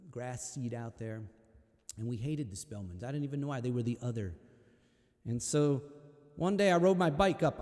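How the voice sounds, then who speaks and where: A man, a folk singer at a live-streamed concert, telling a personal story in a slow, hushed and reflective way, with halting repeats. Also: on the high side, long reverb tail.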